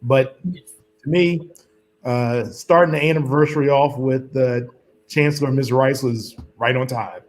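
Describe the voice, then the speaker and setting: A man's voice: medium pitch, unhurried. A man co-hosting a virtual reading event, heard over a crackly, staticky call line, encouraging a child guest. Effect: crackly, staticky phone-like line. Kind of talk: casual online event hosting.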